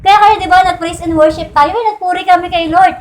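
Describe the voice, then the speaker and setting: A woman preaching a sermon in a conversational way, often checking in with her listeners through quick rhetorical questions. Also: very high voice, steady tone, slight background noise. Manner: conversational, repeats and restarts points. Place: church meeting room. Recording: echoey room.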